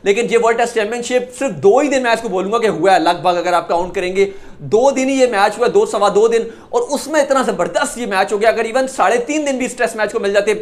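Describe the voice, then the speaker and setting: A young man gives an animated, opinionated cricket analysis, gesturing as he talks in a small indoor room. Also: sits high, quick pace. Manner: animated, gesturing with his hands. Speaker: cricket vlogger.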